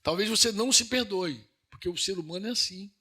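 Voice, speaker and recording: A man's voice: brisk, sharp tone, breathy edge. A man with a Brazilian Northeastern accent preaching a sermon in an earnest, conversational way, asking his listeners questions and building to emphatic peaks. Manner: rises to emphatic high-pitched peaks.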